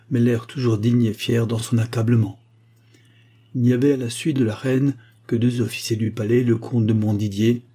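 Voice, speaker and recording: A man reading a historical novel aloud as an audiobook narrator, with a measured, literary delivery. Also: mid-range voice, warm tone, breathy edge.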